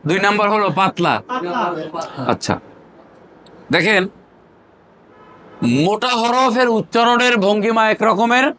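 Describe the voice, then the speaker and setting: A man's voice: high voice, pushed and bright. A man from Bangladesh teaching Quran recitation to a class, asking questions again and again, prompting the group to answer aloud and drilling terms in chanted repetition. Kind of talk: call-and-response classroom teaching.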